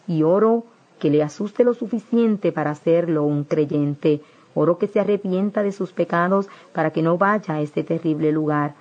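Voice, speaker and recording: A woman's voice: lowish voice, a little mellow, lo-fi sound. A woman earnestly narrating a religious testimony, pleading with her listeners.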